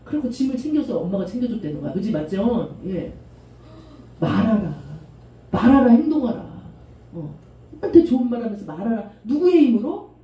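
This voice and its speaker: A middle-aged woman pastor preaching a sermon, animated and often acting out the voices of the people in her stories. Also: on the high side, normal speed, dull audio. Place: church sanctuary. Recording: echoey church room from a distance, faint noise.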